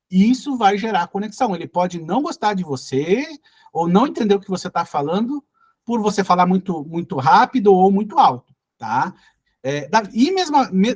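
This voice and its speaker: A man with a Brazilian Portuguese accent giving a sales training lesson, talking straight to his learners and tagging his sentences with quick checks. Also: high-pitched. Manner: peppers speech with tag questions; coaching, direct address to learners.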